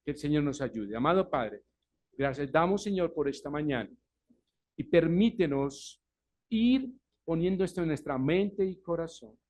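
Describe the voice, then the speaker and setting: A pastor with a fairly high, lively voice delivers his Sunday sermon unhurriedly at a church service. He asks the congregation questions and supplies the answers, shifting from forceful emphasis to hushed asides.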